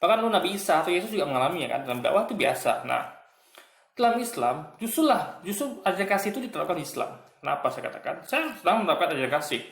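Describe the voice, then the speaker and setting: A man delivers a casual commentary monologue with a slightly raised pitch. He argues point by point with a mocking edge and keeps turning to his viewers. The room around him is echoey. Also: very animated, fast, gravelly, fairly bright tone. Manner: argumentative, mocking, repeats "guys" and "gitu kan". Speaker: online commentator.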